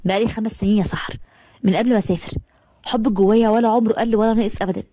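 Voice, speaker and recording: A woman's voice: mid-range voice, fairly even intonation, very fast, warm tone, no room sound, close to an everyday voice. A woman with an Egyptian accent voicing an earnest young rich man who pleads tenderly. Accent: Egyptian Arabic.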